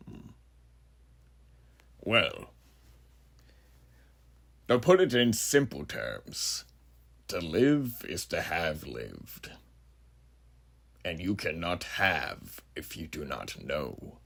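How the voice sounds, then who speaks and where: Sinister ageless judge, horror monologue, husky gravelly rasp, widely swooping delivery, grandiloquent, slow theatrical musing. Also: male voice, rumbling low, very animated, a bit bright, exaggerated voice. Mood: ominous philosophizing. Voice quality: gravelly, husky, breathy at phrase ends. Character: huge ageless sinister philosophizing judge, menacing male drifter. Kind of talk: horror character monologue addressed to listener.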